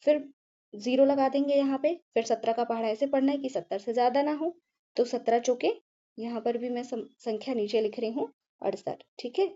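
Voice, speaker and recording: High-pitched lady teacher doing a maths problem slow and patient, keeps asking then answering herself, kinda dull lo-fi audio. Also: dark tone. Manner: patient, repeats "ठीक है" and asks herself questions. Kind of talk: step-by-step maths lesson.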